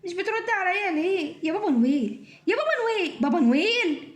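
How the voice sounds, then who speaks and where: A woman's voice: very high-pitched, animated, fast talker. A woman acting as a chatty, clingy talking Christmas tree in a children's play. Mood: clingy, teasing. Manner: chattering, pestering, giggly. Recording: echoey room.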